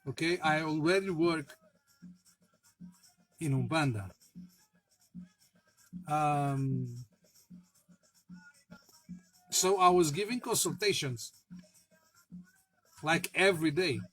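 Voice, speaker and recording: A man who is a spiritual worker, telling a personal story in a halting way, with many fillers and restarts, laughing at himself and swearing now and then. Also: a little high, a bit bright, no room sound, soft background music, rough recording. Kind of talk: casual spoken anecdote.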